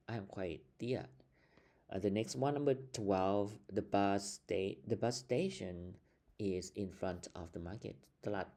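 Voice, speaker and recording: A man's voice: on the low side, warm tone. A man with a Lao accent teaching English vocabulary in a casual lesson, spelling words out letter by letter, recorded on a computer's built-in microphone. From Laos.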